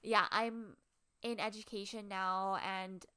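A young woman with an American accent talks casually about herself as a podcast co-host. Her voice is bright and clean, at a middling pitch. She speaks informally and haltingly, with a modest, self-effacing manner. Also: flat delivery, smooth. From Hawaii, United States. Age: 20s. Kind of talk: casual personal storytelling.

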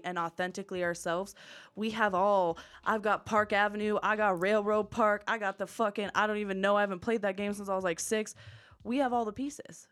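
A woman hosting a podcast in casual, slangy chat, emphatic and swearing freely. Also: medium pitch. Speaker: podcast host.

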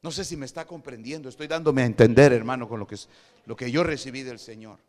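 A Guatemalan man with a Guatemalan Spanish accent preaches a sermon, swinging between quiet asides and shouted preaching. His mid-range voice moves fast, and the recording has a long reverb tail.

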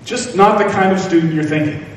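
A man's voice: sits high, a little fast, distant mic. Man preaching in an echoey hall. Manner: storytelling, self-deprecating humor. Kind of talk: sermon. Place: church hall.

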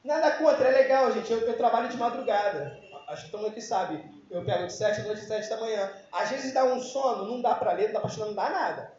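High-voiced man preaching in an echoey room. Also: animated, fast, few pauses, a little hiss or hum. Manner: casual, joking, with bursts of shouting. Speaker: youth preacher. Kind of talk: informal sermon. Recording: very echoey, dull lo-fi room sound.

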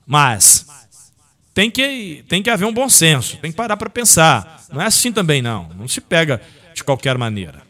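Man, local radio host, folksy chat and ad reads, bright forceful voice, slightly high. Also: very animated, normal speed. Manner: folksy, chatty, addresses listeners directly. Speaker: radio sports show host. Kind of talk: casual radio talk with live ad reads.

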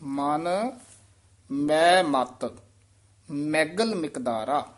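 A man teaching scripture recitation, chanting verses slowly and breaking off to correct how words are pronounced. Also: fairly high pitch. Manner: slow, careful chanting with quick spoken corrections. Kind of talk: recitation lesson, correcting pronunciation.

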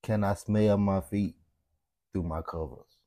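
Low-voiced man hosting a profane podcast. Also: steady tone, a little slow, dark tone, no room sound, clean studio sound. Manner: loose, profane, jokey slang banter. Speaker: podcast host. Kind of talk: casual chat.

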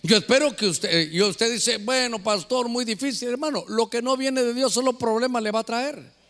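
A man preaching a sermon as pastor, with drawn-out, playful delivery. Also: very high voice, a bit bright. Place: church.

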